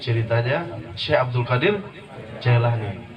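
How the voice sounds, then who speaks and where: A man preaching to a gathering, telling his story in a lively, jokey way and acting out the people in it. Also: mid-range voice, measured pace, distant mic, dull audio. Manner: lively, jokey, acts out quoted voices. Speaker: guest preacher. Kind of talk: humorous sermon storytelling. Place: religious gathering before an audience. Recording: live audience noise audible.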